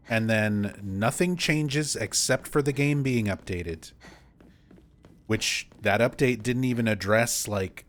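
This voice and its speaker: A man's voice: fairly low pitch, fairly bright tone. A man giving casual playthrough commentary as a game streamer. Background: faint game ambience.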